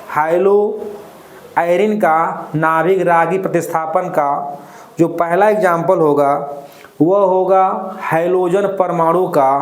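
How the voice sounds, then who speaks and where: A male chemistry teacher, giving an online class and slowly dictating terms as he writes, repeating each one. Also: high voice, reverberant. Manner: slow, drawn-out dictation while writing, repeating terms.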